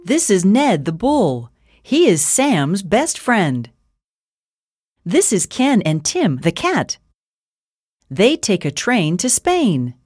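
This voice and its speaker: A woman reading a simple children's storybook aloud in a slow, clear, expressive way. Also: mid-range voice. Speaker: story reader.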